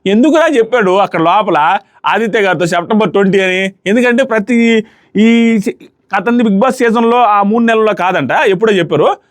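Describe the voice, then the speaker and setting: A man giving a casual, excitable spoken review of a reality show episode, often dropping his voice to quote the people he talks about. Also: high-pitched, normal speed, no room sound.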